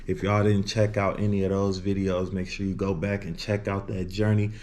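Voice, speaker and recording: A man's voice: deep voice, flat delivery, moderate pace, darkish tone, slight background noise. An American man from Illinois talking casually and slangily to vlog viewers, slightly lispy from wearing a retainer. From Illinois, United States. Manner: slangy, punctuates phrases with repeated filler tags. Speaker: vlogger.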